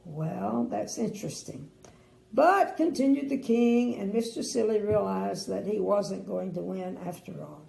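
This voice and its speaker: An older woman, a sweet grandmotherly storyteller with a creaky voice, reads a bedtime story expressively and adds chatty asides. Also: mid-range voice, a little slow, warm tone. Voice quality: creaky, gravelly. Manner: sweet old lady, grandmotherly. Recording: roomy indoor echo.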